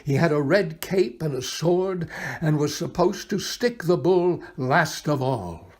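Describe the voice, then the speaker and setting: A man reading a children's picture book aloud expressively, pausing for drama and addressing his young listeners. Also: a little high, expressive. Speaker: volunteer storybook reader.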